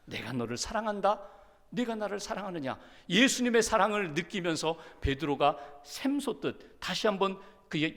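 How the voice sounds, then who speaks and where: A male pastor preaching a sermon in a church, animated, building repetitions and asking rhetorical questions. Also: a little high. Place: church sanctuary. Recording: long hall reverb.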